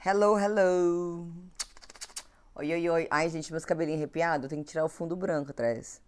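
A woman's voice: low-pitched, steady tone, quick pace. A young woman from Brazil with a cold, chatting casually with viewers on a live stream and greeting them by name. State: has a cold. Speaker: nutritionist hosting an Instagram live. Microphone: home recording setup.

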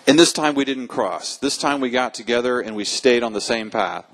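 A man's voice: mid-range voice, moderate pace, fairly bright tone, low-quality recording. A man introducing the next speaker to a live audience in a friendly, conversational way. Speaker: event host introducing a speaker. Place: live talk before an audience.

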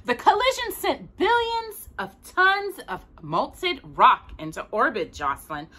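An animated woman with a bright, high-pitched voice reads a picture book aloud to a child. Inside a small room with bookshelves, she reads expressively and deliberately, stressing words emphatically.

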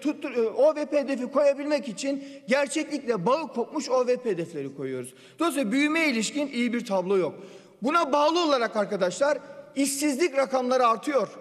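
A man giving a parliamentary budget speech into a podium microphone, assertive and firing pointed rhetorical questions. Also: very high voice. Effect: speaking into a podium microphone. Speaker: member of parliament. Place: parliament general assembly hall. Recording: long reverb of a large chamber.

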